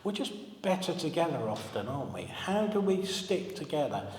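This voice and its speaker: A man's voice: on the high side, sing-song, moderate pace, a little mellow, a little hiss or hum. Brief: man in his forties, minister, conversational storytelling sermon, light humour, long hall reverb. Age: 40s. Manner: chatty, humorous storytelling, asks the congregation questions. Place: church hall.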